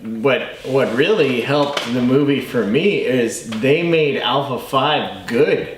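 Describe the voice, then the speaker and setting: A man's voice: mid-range voice, lively intonation, slow pace, a little hiss or hum. A man co-hosting a casual movie review, speaking informally and approvingly in mild language. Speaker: co-host of a movie review show. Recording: roomy, echoey room.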